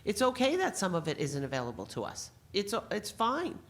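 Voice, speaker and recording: A woman's voice: mid-range voice, huge pitch swings, normal speed. A woman giving an insistent, pointed public comment at a city board meeting. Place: city council meeting room.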